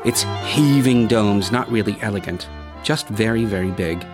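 A man narrating a scripted story in a measured way, with dramatic pauses. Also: fairly low pitch. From United States. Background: guitar music.

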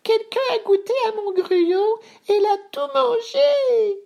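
A man voicing a whiny little bear cub in a storybook reading, in a very high, slow, stammering voice. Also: vocal fry, a little mellow, heavily acted.

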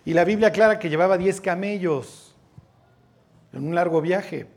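A Mexican-accented man with a notably high voice gives a Bible teaching sermon. He talks casually, keeps asking whether his listeners are following, and mixes in everyday slang. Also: normal speed, a little mellow, husky. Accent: Mexican Spanish. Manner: conversational, checks in with listeners, slangy asides. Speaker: preacher.

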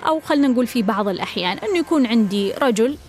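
A woman's voice: a little high, expressive, racing, darkish tone, faint music behind. A woman giving relationship advice, blunt and direct, firing repeated pointed questions.

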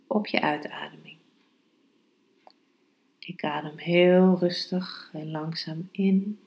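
A woman hosting a yoga podcast, teaching calmly and guiding meditation in a measured, unhurried way. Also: on the low side. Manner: slow, measured, unhurried delivery with pauses. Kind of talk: calm instructional podcast and guided meditation.

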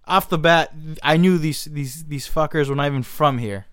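A man's voice: on the high side, normal speed, fairly bright tone, clean tone, no echo, studio quality. A man hosting a podcast, telling a story in a casual, profane, exasperated and self-mocking way. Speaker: podcast host.

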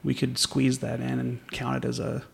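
A man's voice: medium pitch, completely flat delivery, moderate pace, gravelly, husky. A young man co-hosting a home podcast, chatting in an easygoing, rambling way with plenty of restarts. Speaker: podcast co-host. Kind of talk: casual chat. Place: home at night.

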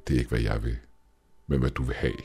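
A man voicing a calm, all-knowing man with a cane. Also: extremely low pitch, slightly rough, faint music behind, exaggerated voice. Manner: quiet, even, unreadable.

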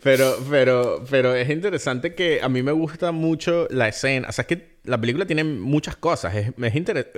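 A man's voice: mid-range voice, moderate pace, hardly any pauses. A man co-hosting a casual film podcast, retelling scenes expressively with quoted lines. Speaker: podcast co-host.

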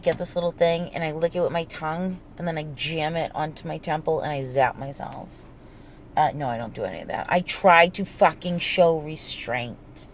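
A woman's voice: sits low, slight background noise. A woman with a New England accent who drops the G at word endings, rambling casually as a solo podcast host in a sweary, self-mocking way. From New England, United States.

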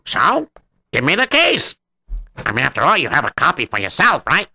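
A wheedling, greedy male swindler, as a storyteller puts him on talks fast and high in a bright, gravelly voice. He swoops up and down as he coaxes and gloats, recorded dry and close. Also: huge pitch swings, dry recording, exaggerated voice. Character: greedy scheming male swindler, smooth-talking.

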